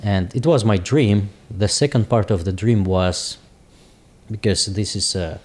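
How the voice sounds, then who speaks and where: Slow, halting Russian-accented man. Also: on the low side, a little mellow, breathy edge. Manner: halting, searching for English words. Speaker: guest, business owner. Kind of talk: casual interview talk.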